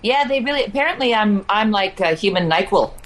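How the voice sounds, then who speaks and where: A woman guest on a video call with a low, sultry voice, chatting in a laid-back, joking, rambling way. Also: expressive, a little fast. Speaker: comedian guest. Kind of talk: casual chat. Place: on a farm.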